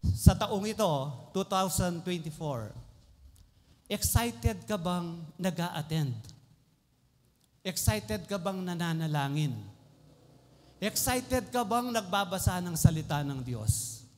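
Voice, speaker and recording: A man's voice: sits high, animated, takes it slowly, pauses often, a little mellow. A man preaching a sermon, mixing Tagalog and English with polite phrasing. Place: church hall. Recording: reverberant church hall.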